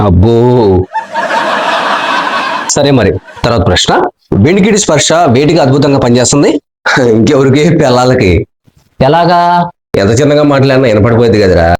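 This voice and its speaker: A man trading quick jokes in a comic question-and-answer skit, teasing with punchline replies. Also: medium pitch, background noise. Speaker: comedian.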